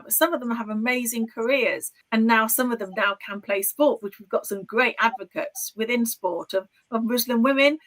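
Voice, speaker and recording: A woman guest in an interview, explaining her work in a steady, emphatic way. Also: on the high side. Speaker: guest, sports leader. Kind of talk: interview conversation.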